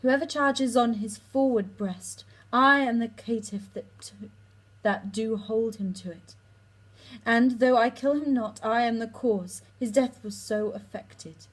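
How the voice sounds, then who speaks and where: A woman performing a guilt-torn lovesick young noblewoman in a slow, impassioned Shakespeare recital. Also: medium pitch, close to an everyday voice, rough recording.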